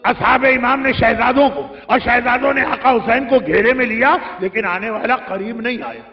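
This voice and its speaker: A male cleric recites a sermon as dramatic storytelling, building at times to shouted cries. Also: very high-pitched, distant mic. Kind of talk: impassioned Muharram sermon recitation. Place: large mosque hall. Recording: echoey hall, dull lo-fi sound.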